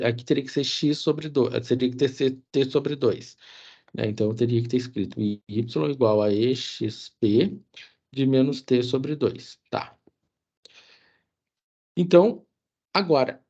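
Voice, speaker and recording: A mid-range, husky male voice with a darkish tone leads an online coding lecture. His style is casual: lots of filler check-ins with students and frequent self-correction. Sound quality is dull and lo-fi.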